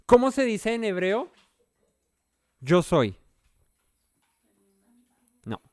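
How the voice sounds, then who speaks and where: A man's voice: sits high, big pitch swings, drawn-out words, dry recording, clean studio sound. A man leading an interactive Bible study, talking in a conversational way and often asking the listeners questions. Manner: conversational, thinks aloud.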